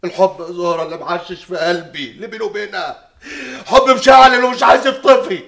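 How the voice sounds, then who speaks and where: A whiny young man in love, with an Egyptian Arabic accent. His voice is very high, gravelly and bright, and he talks fast.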